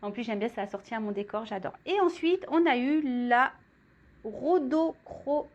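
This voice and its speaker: A woman's voice: a little high, animated, moderate pace, highs cut off. A woman doing a casual tarot and crystal reading, chatty and full of asides to her viewers. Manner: chatty, many fillers, warm asides to viewers. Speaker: tarot reader. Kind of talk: casual spoken card reading.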